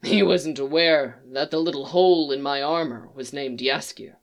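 A reader doing a low, terse weary monster hunter. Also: normal speed, lightly acted. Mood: tender. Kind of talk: reading a fan story aloud.

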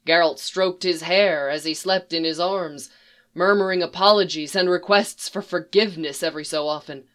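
A narrator reading a fan story aloud in a slow, even storytelling manner. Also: medium pitch, smooth.

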